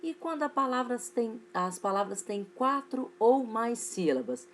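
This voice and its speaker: A young woman from Brazil teaching a recorded online class for children, with a Brazilian Portuguese accent, stretching out words slowly as she dictates examples. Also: a little high, big pitch swings, a little hiss or hum. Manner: slow, stretched-out word dictation in a rising voice.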